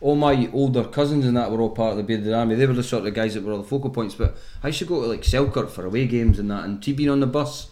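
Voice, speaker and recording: A man's voice: medium pitch, fast talker, hardly any pauses, mellow. A man with a broad Scottish accent talking casually in a group chat. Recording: roomy, echoing room sound.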